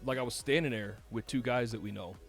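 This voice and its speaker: A man with a New York accent, hosting a podcast and telling stories in casual chat, animated and swearing freely. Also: mid-range voice, fast, vocal fry, faint music behind. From United States. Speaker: podcast host.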